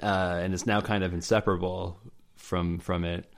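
A man talking casually as podcast co-host, halting with many fillers and restarts. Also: deep voice, level tone, vocal fry. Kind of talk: casual chat about legends.

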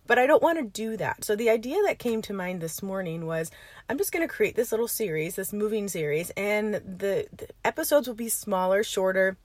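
A woman's voice: mid-range voice, lively intonation, fairly quick, dry recording. A woman hosting a podcast and rambling casually while sitting in her parked car, laughing now and then. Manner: rambling, chatty, laughs often. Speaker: podcast host and coach. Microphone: informal setup, no computer.

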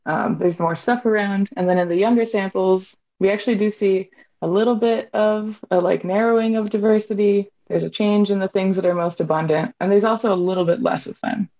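A woman in her twenties from Hawaii, a PhD student, chats casually about her research in an interview, sprinkling in lots of "like." Her medium-pitched, warm voice is fairly even and fairly quick. The recording sounds dull and lo-fi.

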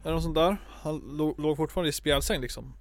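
A man's voice: on the high side, slight background noise. A man in casual podcast chat who laughs often and tells stories with emphatic repetition and casual swearing.

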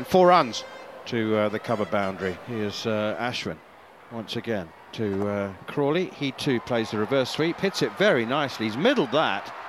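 A man commentating live on cricket ball by ball, in short, halting phrases. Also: medium pitch. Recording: clear outdoor background noise.

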